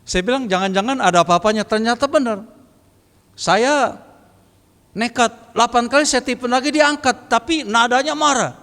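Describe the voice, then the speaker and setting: Older man, sermon testimony, joking storyteller, high voice, long hall reverb. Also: a little slow, a bit bright. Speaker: preacher giving testimony. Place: church prayer meeting hall.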